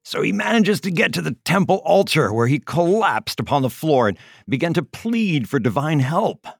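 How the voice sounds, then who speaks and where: A man's voice: fairly high pitch, very animated, moderate pace, vocal fry, husky, no room sound, studio quality. A man telling a folk tale in a casual, chatty way, with explanatory asides. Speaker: storyteller.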